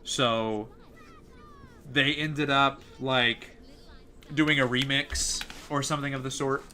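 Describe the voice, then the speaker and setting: A man's voice: mid-range voice, fairly even intonation, slow pace, pushed and bright, a little hiss or hum. A young man chatting casually on a live stream, rambling and hesitant, with lots of fillers.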